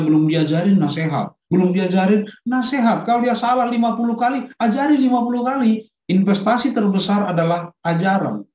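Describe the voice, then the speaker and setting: Middle-aged male pastor, animated teacher of parents, roomy hall sound. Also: high-pitched. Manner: animated, acts out quotes from his child. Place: church hall. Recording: echoey room.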